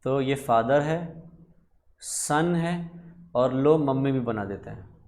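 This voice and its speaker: A man teaching contract law in a casual classroom lecture, telling stories and jumping into quick voiced asides. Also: mid-range voice, a little mellow.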